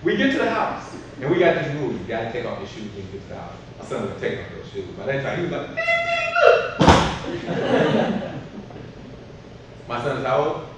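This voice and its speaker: A man giving a humorous, animated storytelling speech to an audience, laughing as he goes. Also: medium pitch, moderate pace, long pauses. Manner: animated, laughs through his stories. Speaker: motivational speaker. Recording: echoey hall, voice from far off, background noise.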